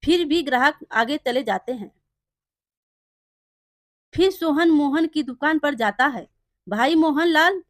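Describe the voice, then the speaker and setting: Brief: woman storyteller, high voice, plain simple narration, dry sound. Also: a little slow, pauses often, no room sound. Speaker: storyteller, channel host.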